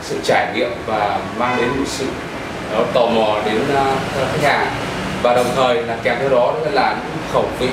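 A man in his thirties, a cafe owner, answering interview questions earnestly with many hesitant fillers, inside a small cafe. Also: mid-range voice. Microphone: far camera. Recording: echoey room, from far off, noisy.

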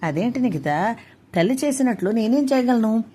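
A woman's voice: on the high side, lively intonation, moderate pace, warm tone, slightly rough. A woman voicing a bewildered young husband who tries to soothe his wife in a read-aloud story. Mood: placating. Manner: soothing, placating.

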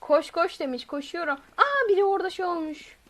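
Woman, live game commentary, excitable, bright lively voice. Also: very high-pitched, fairly quick. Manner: excitable, shrieks and laughs when chased; reads chat messages aloud. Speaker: game streamer.

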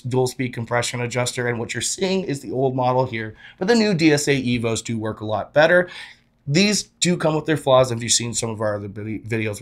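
A young man hosting a product explainer, talking in an energetic, animated way and gesturing as he explains, recorded on a studio set. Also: mid-range voice. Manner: animated, gestures with both hands while explaining. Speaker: host of a shock product explainer. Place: studio set with dark backdrop.

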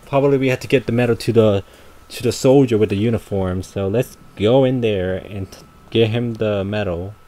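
A man's voice: on the low side, normal speed, dark tone. A man commenting on his gameplay, thinking aloud in a hesitant way with frequent fillers and restarts. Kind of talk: thinking aloud while playing.

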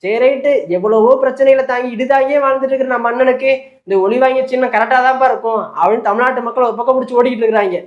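A host rattles off satirical commentary at a quick clip, mocking the story as it goes. The voice sits at a middling pitch. It sounds roomy and a little dull, like a modest home setup. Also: fairly even intonation. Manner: fast, mocking storytelling with acted quotes. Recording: roomy, slightly dull recording.

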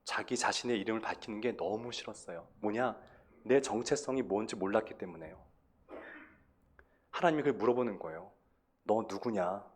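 A man's voice: fairly low pitch, fairly quick, a little hiss or hum. A male pastor preaching a sermon, stressing words emphatically and asking the congregation rhetorical questions.

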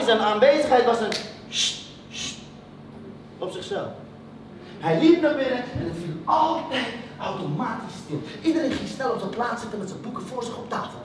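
A man performing a spoken-word story on stage, animated and emphatic. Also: sits high. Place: stage in a hall. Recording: echoey stage, from far off, room noise.

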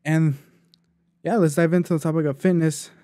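Mellow-voiced man rambling casually. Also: a little high, fairly even intonation, normal speed, no echo, clean studio sound. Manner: rambling, loose and chatty with many fillers. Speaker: podcast host. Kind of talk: casual solo podcast talk.

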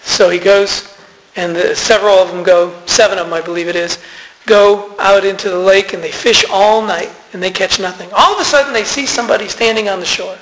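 A man's voice: sits high, fairly even intonation, brisk, a bit bright, big-room sound, poor audio. A man preaching a sermon in a conversational way, calling out to the congregation for responses. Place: church sanctuary.

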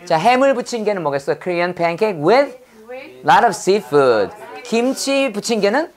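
A middle-aged woman teaching English vocabulary, leading slow call-and-repeat drills and coaxing her students to say each word after her. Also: mid-range voice, big pitch swings.

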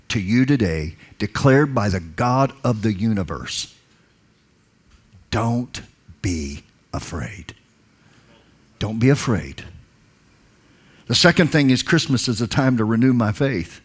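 A man in his forties preaching a sermon on a dark stage through a headset mic, swinging from hushed lines to loud emphatic calls. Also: medium pitch. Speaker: pastor. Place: large dark stage, indoors.

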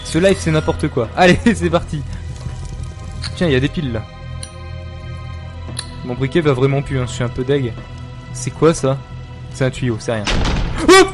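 A man streaming a horror game live, talking casually, excitable and jumpy, swearing and laughing often. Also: mid-range voice, moderate pace, pauses often, over music. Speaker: streamer playing horror games.

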